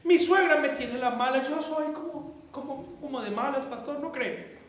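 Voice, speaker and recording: A preacher voicing a whining churchgoer who complains that everyone has it in for them. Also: male voice, extremely high pitch, normal speed, a bit bright, a little hiss or hum, pitched above the performer's own voice. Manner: whiny, self-pitying. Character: whining self-pitying churchgoer who feels wronged. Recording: very echoey church hall.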